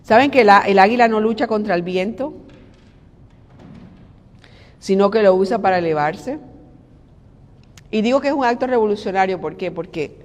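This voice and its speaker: A middle-aged woman preaching a devotional with animated, conversational energy, asking her listeners one rhetorical question after another. Her mid-pitched voice rings out with a long hall reverb trailing behind it. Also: moderate pace, long pauses. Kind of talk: devotional sermon.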